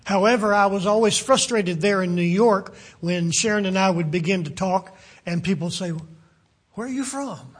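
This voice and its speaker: An older pastor with a West Virginian accent delivers a sermon in a high, husky voice. He speaks haltingly, pausing often to find words, with many fillers and restarts. His tone stays unhurried and sincere.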